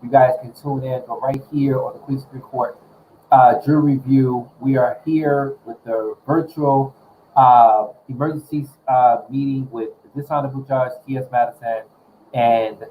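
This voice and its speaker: A man's voice: mid-range voice, fairly even intonation, normal speed, narrow, tinny audio, slight background noise. A man hosts a casual livestream, rambling through his recap. He leans on filler words and restarts, and talks with his mouth full. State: talking while eating. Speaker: livestream host.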